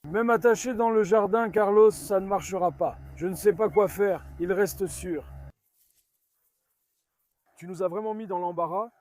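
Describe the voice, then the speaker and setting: A man filming a casual vlog at his farm, coaxing and calming his dogs while chatting to viewers. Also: high-pitched, measured pace, pauses often, no echo. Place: farmyard outdoors.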